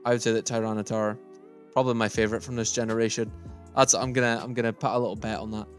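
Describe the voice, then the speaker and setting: A man's voice: lowish voice, little pitch movement, fast talker, soft background music. A man giving casual, opinionated tier-list commentary, thinking aloud as he sorts. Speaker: gaming YouTuber.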